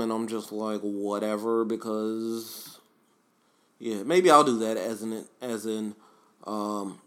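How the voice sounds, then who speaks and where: Laid-back joking male music host. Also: medium pitch. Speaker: host reviewing hip hop records. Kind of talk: casual opinionated commentary.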